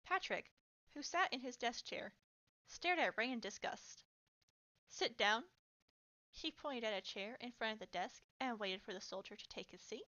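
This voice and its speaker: A woman reading her own fanfiction aloud in a steady storytelling narration. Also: a little high, moderate pace, dull audio. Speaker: fanfiction reader.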